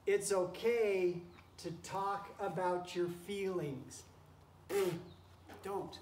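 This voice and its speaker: Reading extremely slowly, a man with a high-pitched, a little mellow voice and fairly even intonation shares a picture book with children like a teacher. He chats encouragingly and breaks off to address the goats and chickens around him in a straw-filled wooden barn pen. A camera a few feet away records the roomy, noisy scene.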